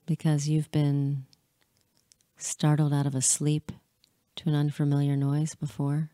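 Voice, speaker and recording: A female hypnotist guides listeners through a session in a low, soft, relaxed voice. She speaks very slowly and soothingly, pausing between short phrases. The sound is close and dry, with no room sound around her.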